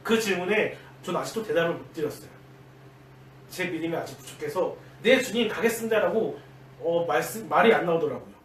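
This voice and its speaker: A man preaching in a church with a high, very animated voice. He tells a personal story with earnest feeling. The sound is echoey and distant, with faint hiss behind him. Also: fairly quick. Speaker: junior pastor. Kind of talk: dawn service sermon. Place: church sanctuary.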